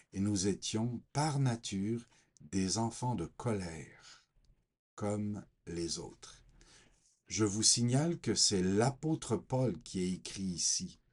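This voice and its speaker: A man from Portugal giving a hesitant personal faith testimony with scripture reading, pausing often with fillers. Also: on the low side, darkish tone, husky. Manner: slow, hesitant, many fillers.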